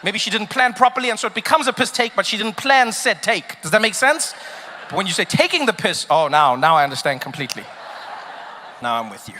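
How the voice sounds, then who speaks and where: High bright-voiced stand-up comedian. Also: male voice, brisk, in a large hall, a little hiss or hum. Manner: animated storytelling, shifting between loud bursts and quiet asides.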